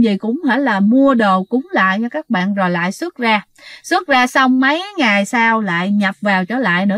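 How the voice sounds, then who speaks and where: A woman's voice: on the high side, no echo. Chatty Southern Vietnamese woman storyteller. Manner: chatty, addresses listeners, many fillers. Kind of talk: casual ghost-story narration.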